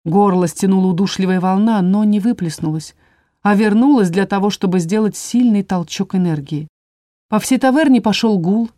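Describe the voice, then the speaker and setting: A woman narrating a first-person fantasy story in an even storytelling manner. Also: medium pitch, moderate pace, no room sound, studio quality. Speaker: audiobook narrator.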